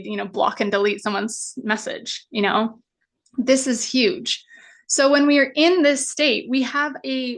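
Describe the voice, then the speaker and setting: A woman's voice: fairly high pitch, a bit bright. A woman business coach teaching a live online masterclass in a casual, chatty way, full of fillers and the odd swear word. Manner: acts out anxious inner voices.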